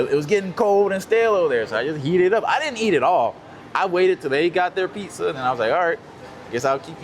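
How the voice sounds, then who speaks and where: Speaking with a voice on the high side, a man appearing as a guest relaxes into a rambling story full of fillers. He's outdoors in a city, with slight background noise in the recording.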